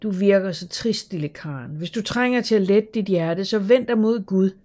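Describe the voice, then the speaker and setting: An audiobook narrator voicing a pious old spinster lady who talks with gentle, preachy concern. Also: medium pitch, pitched above the performer's own voice, close to an everyday voice. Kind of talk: audiobook character voice.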